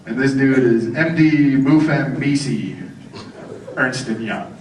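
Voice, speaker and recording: This man takes his time, his voice sitting at a medium pitch as he gives a conference talk full of sarcasm and swearing, ridiculing his targets and joking back and forth with the crowd. Picked up by a far-off mic, the audio carries the echo and noise of the hall.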